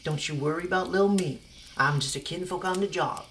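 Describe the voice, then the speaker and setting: A woman's voice: lowish voice, fairly quick, a little hiss or hum, natural voice. A woman voicing Stephanie, a blunt and chatty teenage girl among werewolf kin, with a brash, outspoken manner. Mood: indignant.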